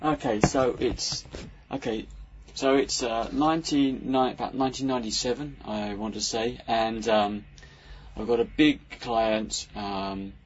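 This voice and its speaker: A man's voice: mid-range voice, measured pace, lo-fi sound, a little hiss or hum. A man and podcast host telling a casual, rambling story full of ums and restarts. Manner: rambling, hesitant, lots of ums. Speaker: podcast host and unicycle performer. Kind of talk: casual anecdote.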